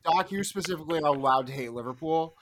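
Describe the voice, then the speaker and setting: A man's voice: on the high side, fast, crowd noise. A man co-hosting a podcast in casual chat, blunt and emphatic, swearing freely. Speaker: podcast co-host.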